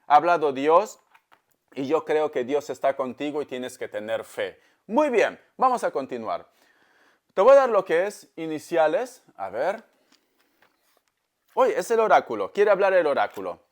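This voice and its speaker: Man reading tarot, higher voice, preachy. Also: big pitch swings, moderate pace. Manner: calls the listener "darling" often, preachy storytelling; religious, invokes God often. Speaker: tarot reader. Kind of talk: tarot reading monologue to camera.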